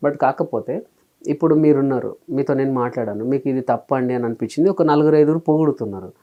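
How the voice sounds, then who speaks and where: The sound is lo-fi, and the man talks quickly at a medium pitch. An interview guest from Telangana, India, this comedian and mimic shares his story in a casual way, animatedly acting out his own past remarks in quoted asides.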